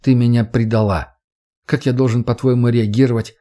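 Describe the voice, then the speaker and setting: A man voicing a blunt, sulky young swordsman in an audiobook, answering curtly and gruffly. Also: mid-range voice, fairly even intonation, normal speed, mellow, close to an everyday voice. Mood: sullen.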